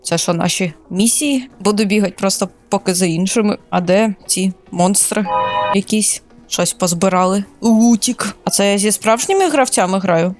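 A woman streamer chatting casually while playing a shooter for the first time, excitable, squealing and laughing at surprises. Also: mid-range voice, normal speed, faint music behind. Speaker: gaming streamer. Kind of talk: casual let's-play commentary.

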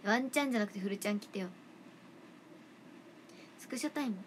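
On a livestream, a young female idol chats casually and reads out fan comments, her tone playful and talkative, now and then slipping into soft whispers close to the mic. Her voice is mid-range and quick, with a faint hiss or hum underneath.

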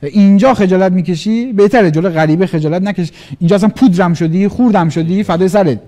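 A man giving an animated motivational business talk, acting out little dialogues in different voices. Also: high voice. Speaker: business trainer.

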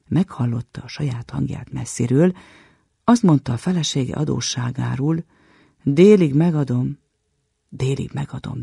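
A man with a gravelly, husky voice, pitched a little high for a man, gives a measured, dramatic reading of a short story. His tone is dark and mellow, and the recording is close and dry. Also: no echo. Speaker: literature program presenter reading a short story.

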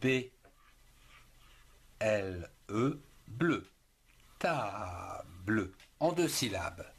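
A man gives a slow spelling lesson, sounding out words letter by letter and syllable by syllable at an extremely unhurried pace. His voice is husky and his pitch swings up and down in a lively, sing-song way. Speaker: writing teacher.

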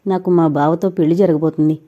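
A woman's voice: sits low, steady tone, fairly quick, mellow. A woman voicing a weepy young woman resigned to her fate, in an audio novel. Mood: tearful. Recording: dull lo-fi recording.

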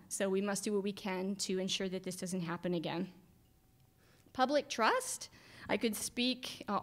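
Woman giving a wry conference speech. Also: medium pitch. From Canada. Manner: lively, wry asides. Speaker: farm association director. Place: hotel conference room. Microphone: podium microphone.

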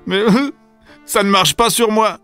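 A man doing a high squeaky tearful old witch lady, loud. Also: slow pace, clean tone, soft background music, full character voice. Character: weepy old female witch, shy.

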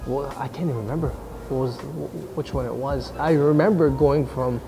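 A gravelly, mid-range male voice at a moderate pace belongs to a man in his forties casually and bluntly answering business questions, often restarting his sentences. He was filmed on a camera indoors, in the atrium of a mall or coffee shop, with background music playing under his voice.

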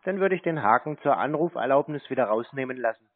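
A man speaking in a dry, clipped, unimpressed tone, heard through a thin, tinny phone line. His voice sits at an ordinary middle pitch, and he answers unwanted calls in short, curt replies while pedantically correcting the caller's manners. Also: animated, fast talker, dry recording. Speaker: person receiving cold calls. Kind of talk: casual phone conversation.

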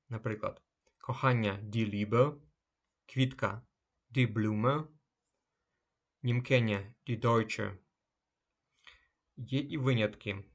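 A man reads through a vocabulary lesson in a measured, even delivery. His voice sits at a middling pitch. He slows down on each German word so it comes out clearly. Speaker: language teacher.

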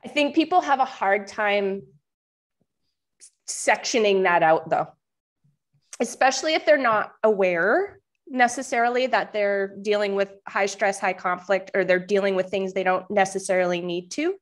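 A woman's voice: mid-range voice, normal speed. A woman co-hosting a podcast, upbeat and encouraging in casual chat. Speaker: podcast co-host.

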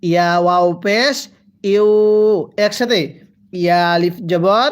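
A woman with a Bangladeshi Bengali accent teaching Quran letter reading, drilling slow call-and-repeat syllables for her class. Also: lowish voice. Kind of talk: slow drilled recitation lesson.

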